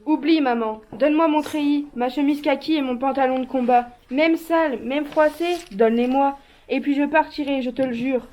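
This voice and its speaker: Brief: a woman as a cold, insistent young male fugitive, high voice, slightly dull stage recording. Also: steady tone, normal speed, natural voice. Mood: coaxing. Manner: insistent, commanding then coaxing. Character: young male escaped killer, stubborn and cold. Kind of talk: stage play reading.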